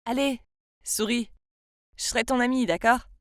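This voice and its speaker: A woman's voice: a little high, steady tone, moderate pace, no echo, clean studio sound, lightly acted. Woman reading as a blunt preteen boy. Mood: gentle.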